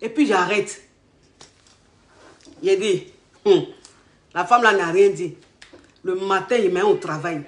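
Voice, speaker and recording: A woman's voice: fairly low pitch, takes it slowly, long pauses. Woman telling her story, echoey room. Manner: animated retelling with acted quotes. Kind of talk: personal storytelling.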